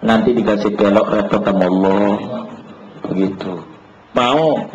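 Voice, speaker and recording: Low-voiced preacher, chatty and teasing. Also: male voice, steady tone, measured pace, darkish tone, a little hiss or hum. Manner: questions the audience over and over, teasing and chatty. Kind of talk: casual sermon to a study group. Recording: roomy, muffled hall recording.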